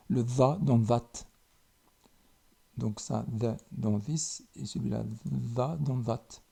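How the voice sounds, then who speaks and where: A man teaches a language lesson, saying each word slowly and then repeating it. His voice is very dark and mellow, with a gravelly edge. It also sounds a little husky. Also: medium pitch. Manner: slow and deliberate, repeating each word with pauses. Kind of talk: slow spoken lesson.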